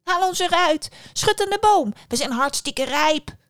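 A woman voicing a chorus of talking apples in a storybook tale, calling out in a squeaky, insistent voice. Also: animated, unhurried, a bit bright, no echo, clean studio sound, exaggerated voice. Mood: eager.

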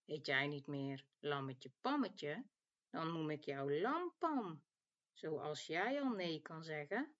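A woman voicing a patient, caring mother sheep in a storybook tale, speaking calmly and reassuringly. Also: low voice, slow pace, highs cut off, exaggerated voice. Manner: calm and reassuring.

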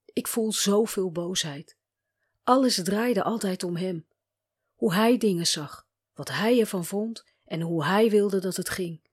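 A woman voicing Sam, a tired and guarded woman who speaks quietly and haltingly as she opens up about her past in a spoken story. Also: medium pitch, breathy edge. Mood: bitter. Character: weary, guarded woman opening up in therapy.

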